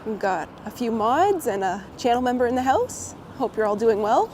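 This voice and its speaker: A live-streaming vlogger strolls a windy city street, chatting casually and greeting viewers by name with lots of laughter. Her voice is on the high side and darkish, very animated at a moderate pace, a bit hoarse since she's recovering from a cold. Her coat clip-on mic picks up wind and city traffic.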